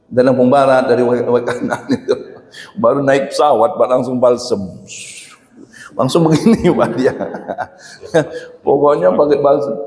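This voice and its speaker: A man's voice: medium pitch, darkish tone. Chatty male preacher in an echoing mosque. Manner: chatty, keeps addressing listeners as Pak. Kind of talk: humorous sermon storytelling. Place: mosque hall. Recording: echoey mosque hall with long reverb.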